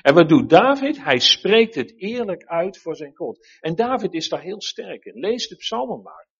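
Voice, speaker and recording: A man preaching a sermon in an earnest, animated way, often restarting his sentences. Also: high voice, measured pace, breathy edge, highs cut off.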